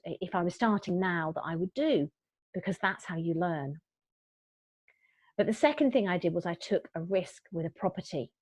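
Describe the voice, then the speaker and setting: A woman's voice: fairly low pitch, a little mellow, no room sound. Chatty woman presenting a webinar. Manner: chatty, upbeat, with frequent fillers and restarts. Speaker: property investor presenting a webinar. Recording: dull, dry lo-fi webinar audio.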